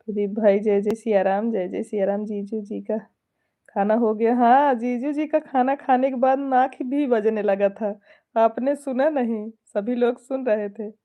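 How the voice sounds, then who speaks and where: A woman from Awadh, India who sings folk songs speaks casually on a live stream with an Awadhi-flavored Hindi accent. She reads comments out, chuckles often and trades devotional greetings. Her fairly high voice keeps fairly even intonation at a slightly slow pace, and the audio is dull.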